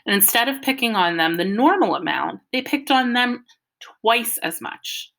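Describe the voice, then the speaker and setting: A woman narrating a first-person audiobook in a lively, expressive storytelling manner. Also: a little high, a little slow, creaky.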